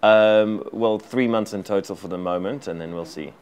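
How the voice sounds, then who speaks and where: A native Afrikaans speaker from South Africa, an actor and director, talks casually as an interview guest with an Afrikaans accent. His lowish, smooth voice moves at a moderate pace, and he is energetic and rambling, with many restarts.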